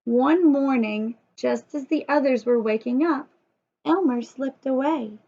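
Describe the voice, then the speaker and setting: In a dull lo-fi recording, a female teacher runs story time for little kids, posing many questions and emphasising important words. Her voice sits high and has a dark tone, and she speaks at a measured pace.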